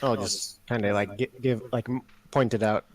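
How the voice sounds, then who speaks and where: A man's voice: fairly low pitch, fairly even intonation, moderate pace, no room sound. A man chatting casually as a player in a tabletop game.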